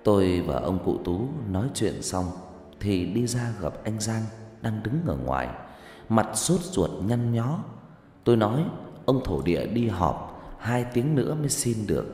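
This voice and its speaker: A man narrating a first-person story in a lively, conversational way. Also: lowish voice, a little slow. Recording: echoey room with faint music.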